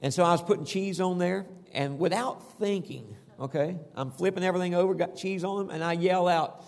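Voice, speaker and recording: Male pastor, gravelly and a bit high, folksy sermon, long hall reverb. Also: brisk, darkish tone. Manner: folksy preaching with Scripture readings.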